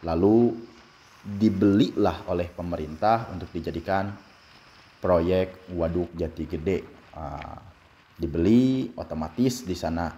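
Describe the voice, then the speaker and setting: A man's voice: deep voice, takes it slowly, muffled recording. A young man riding a motorbike outdoors, chatting casually to his viewers in a travel vlog, often repeating himself and calling them friends. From West Java, Indonesia. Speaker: motovlogger. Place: outdoors on a motorbike on a busy road. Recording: loud engine and road noise.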